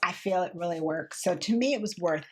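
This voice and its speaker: A woman in her thirties, a beauty vlogger, chatting casually and candidly about products she has used up, with a husky voice. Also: lowish voice, a little fast, a little mellow, a little hiss or hum. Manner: chatty, candid, frequent fillers and restarts. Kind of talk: casual product review chat.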